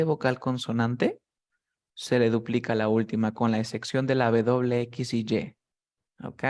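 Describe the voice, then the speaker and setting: A man's voice: mid-range voice, a little mellow. A young man teaching English grammar one-on-one, explaining each rule patiently and stopping often to check that his student follows.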